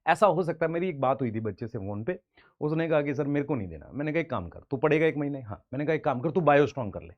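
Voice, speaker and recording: A man's voice: a little high, lively intonation, fast, muffled recording. A man in his thirties, a coaching teacher from India, giving earnest advice straight to camera. He calls his students "beta" and acts out their replies. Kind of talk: direct-to-camera advice talk.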